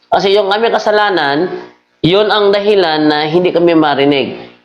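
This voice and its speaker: A woman's voice: lowish voice, normal speed, highs cut off, slight background noise. A woman giving casual religious commentary, arguing her case and repeating points with rhetorical "ha?" and "no?" questions. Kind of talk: casual religious commentary, reading out chat messages. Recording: echoey room.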